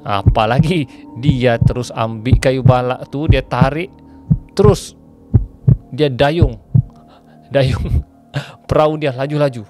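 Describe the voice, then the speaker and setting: A man telling a ghost story in a chatty way, pausing to explain local slang to his viewers. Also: mid-range voice, a little mellow, soft background music.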